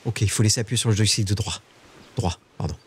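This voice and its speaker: Streaming a survival game, a man gives casual live commentary to his chat, talking very fast in a steady, breathy-edged tone. When startled, he lets out a high shriek.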